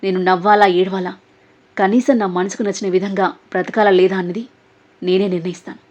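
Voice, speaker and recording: A woman's voice: medium pitch, brisk, lightly acted. A woman voicing a proud, defiant young woman who speaks firmly and steadily. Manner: firm, steady. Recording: dull lo-fi audio.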